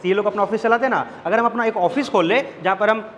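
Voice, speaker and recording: A man's voice: high voice, fast, a bit bright, highs cut off. A male teacher giving a classroom lecture, mixing Hindi with English terms and asking questions he answers himself. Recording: long reverb, faint background noise.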